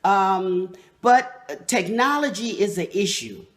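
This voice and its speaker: A woman's voice: medium pitch, big pitch swings, slow pace. A woman who leads a nonprofit, speaking in an earnest, encouraging, slightly preachy way in a casual interview. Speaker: nonprofit leader, guest.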